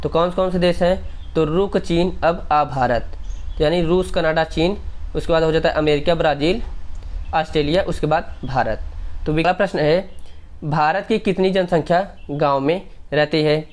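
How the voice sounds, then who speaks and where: A man giving a brisk exam-prep lesson, explaining each answer and speaking directly to his viewers. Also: a little high.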